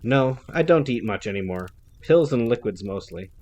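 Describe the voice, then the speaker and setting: A man voicing a brash, flashy middle-aged businessman who talks loudly and boisterously, for an audiobook reading. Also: medium pitch, animated, moderate pace, dull audio, close to an everyday voice. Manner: loud, boisterous greetings.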